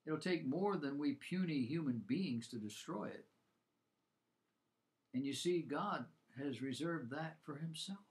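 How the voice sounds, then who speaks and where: A man's voice: on the high side, animated, a little slow. Man presenting scripted Bible commentary. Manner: rhetorical questions, emphatic delivery.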